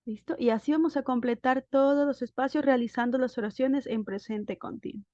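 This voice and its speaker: An English teacher with a high-pitched, brisk, slightly mellow voice records a grammar lesson over slides, with no room sound at all. She takes it one step at a time, patiently asking questions to make sure learners follow. It's a screen-recording voice-over with dull, dry lo-fi audio.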